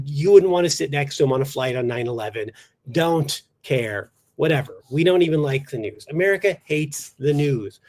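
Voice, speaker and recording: A man hosting a solo comedy podcast in a studio, ranting sarcastically with deadpan asides and bursts of mock outrage. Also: fairly high pitch. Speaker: podcast host.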